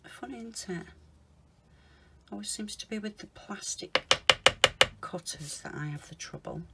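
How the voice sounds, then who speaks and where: A woman talking viewers through a polymer clay project, chatting casually, calling them guys and murmuring softly to herself as she works. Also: mid-range voice, unhurried, vocal fry, background noise. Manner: chatty, often calls viewers guys, mutters softly to herself while working. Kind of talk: casual crafting tutorial.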